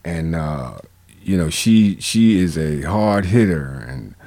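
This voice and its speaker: A low-pitched man appears as a guest on a radio talk show. He speaks haltingly and rambles, full of fillers and restarts, then breaks into sudden bursts of animated emphasis.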